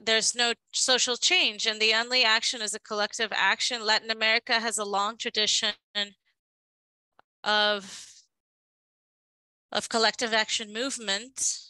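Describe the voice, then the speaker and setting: A woman giving a live interpretation of a panel discussion, halting and often restarting her phrases. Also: on the high side, flat delivery, bright, forceful tone, clear, resonant tone, dry recording, low-quality recording.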